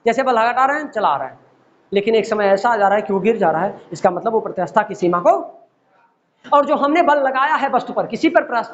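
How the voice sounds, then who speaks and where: A man's voice: very high-pitched, fairly bright tone. Male physics teacher lecturing a class. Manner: explains with everyday examples, often checks if students understand. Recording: dull lo-fi classroom recording.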